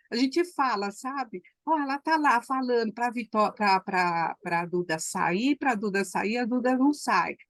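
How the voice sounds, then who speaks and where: Effusive woman, higher voice, dry sound. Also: no room sound. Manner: effusive, repeats words for emphasis. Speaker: class participant. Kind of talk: emotional storytelling on a call.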